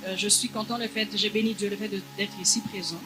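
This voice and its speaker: High-pitched man, live church interpreter, hesitant and halting, music playing behind. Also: fairly even intonation.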